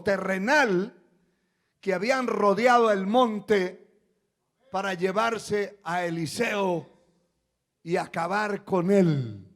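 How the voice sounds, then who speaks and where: A male pastor delivers a sermon in a high voice. He takes his time, drops to hushed, low lines and then climbs into loud, shouted calls to the congregation. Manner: moves from quiet, low talk to shouted exhortation.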